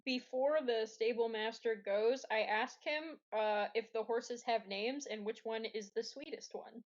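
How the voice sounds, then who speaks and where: A woman's voice: on the high side, a little slow. Playful woman player, muffled lo-fi mic. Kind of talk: playing a tabletop game.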